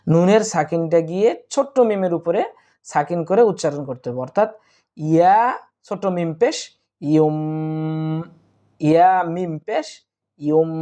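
Slow, dark-voiced Quran reading teacher. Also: male voice, a little high. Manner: spells letters and vowel marks one by one, then chants the joined verse; patient, addresses students directly.

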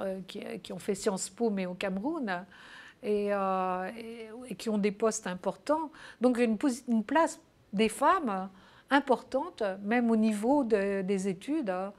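A woman's voice: mid-range voice, a little mellow. A woman answering interview questions in a casual, hesitant way, with many fillers and restarts. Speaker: interview guest.

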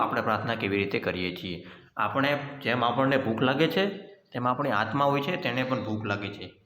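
A man, slowly reciting a poem and patiently explaining it to schoolchildren as their teacher. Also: mid-range voice, pushed and bright. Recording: echoey room with long reverb.

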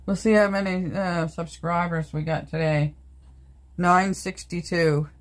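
A woman's voice: on the low side, steady tone, unhurried. Chatty older Canadian woman vlogging. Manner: chatty, talks to her cat and viewers. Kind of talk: casual everyday vlog. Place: home indoors, then outdoors in snow and in a vehicle. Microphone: handheld phone.

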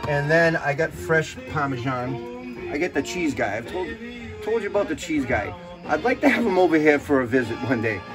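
A man on the high side, with lively intonation and a normal pace, talks over music in a rough recording. Hosting a casual cooking show, he jokes and swears freely, wandering into stories as he cooks.

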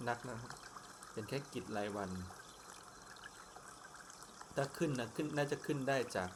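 A man chatting casually to viewers as he plays through a game, his volume swinging between loud and soft. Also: medium pitch, unhurried, background noise. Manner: chatty, talks to viewers while playing. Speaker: game streamer. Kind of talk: casual gameplay commentary. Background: game music.

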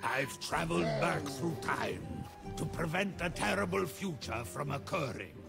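A mischievous older god tells his tale in a video game. The voice is fairly high and gravelly, theatrical and scornful, swinging widely in pitch over loud music. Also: expressive, moderate pace. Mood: grand storytelling. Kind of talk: animated storytelling in a comedic video game.

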